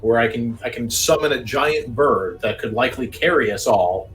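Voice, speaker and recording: A man's voice: medium pitch, normal speed, fairly bright tone, low-quality recording. A man playing a tabletop game, asking questions and thinking aloud in a meandering way, over a remote call microphone. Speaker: player. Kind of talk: casual tabletop game chat.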